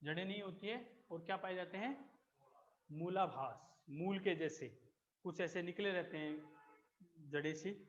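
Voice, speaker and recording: A man teaching a biology class, explaining slowly, repeating key terms and checking that students follow. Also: sits high, highs cut off. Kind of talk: classroom lecture.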